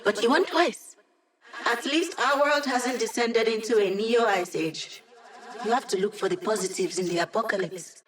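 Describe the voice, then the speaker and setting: A woman voicing a quick, cheeky young hacker in a video game, with playful, breezy, teasing banter. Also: on the high side, lightly acted, rough recording. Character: quick, cheeky young female hacker, digital helper to a villain squad. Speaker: video game character giving mission support. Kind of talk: scripted video game voice lines.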